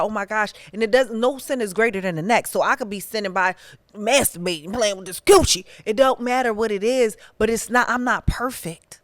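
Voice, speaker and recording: A woman's voice: fairly high pitch, dry recording. A woman hosting a podcast, talking in a casual, candid way that turns preachy. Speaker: podcast host.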